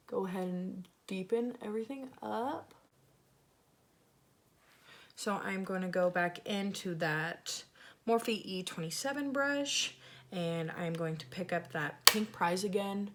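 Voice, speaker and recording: A woman's voice: mid-range voice, a bit bright, slight background noise. A woman with a lisp that makes her s sounds slushy, chatting casually and self-deprecatingly as a beauty vlogger reviewing makeup.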